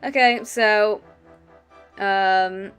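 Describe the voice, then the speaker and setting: A woman's voice: medium pitch, steady tone, very slow, a bit bright, smooth, soft background music. Casual woman explaining a game. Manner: casual, explains controls with fillers. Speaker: gaming channel host. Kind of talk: let's play commentary.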